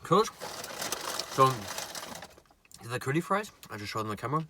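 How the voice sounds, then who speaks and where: A man chatting casually to viewers while he eats, pausing and murmuring between remarks. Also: mid-range voice, sing-song, bright, forceful tone, a little hiss or hum. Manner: talks while eating, with murmured mms and pauses. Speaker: mukbang vlogger. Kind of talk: casual eating chat to viewers.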